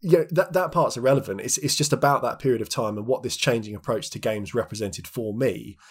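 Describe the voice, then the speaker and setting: Husky-voiced man chatting reflectively. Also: mid-range voice, fairly quick. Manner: chatty, many restarts and "like" fillers. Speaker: podcast co-host. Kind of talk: reflective casual chat.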